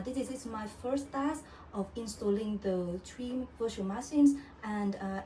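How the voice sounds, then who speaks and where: Slow, calm woman demoing software. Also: mid-range voice, a little hiss or hum. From Vietnam. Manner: calm, guiding the viewer step by step. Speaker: program applicant demoing her task. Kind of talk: screen-recorded software demo.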